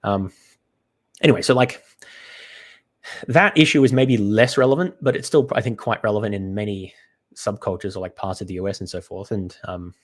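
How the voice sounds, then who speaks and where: Low-voiced man with a stuffy nose. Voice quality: stuffy nose from being sick. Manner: hesitant, halting, digressive with many restarts. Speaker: commentator reacting to apologetics content. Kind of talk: unscripted reaction commentary.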